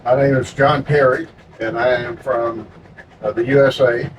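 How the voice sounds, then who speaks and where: A man's voice: mid-range voice, level tone, moderate pace, lo-fi sound. An older man from Mississippi, a fellow passenger giving brief, hesitant answers. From Mississippi, USA. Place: outdoors on a day trip. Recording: distant, noisy outdoor audio.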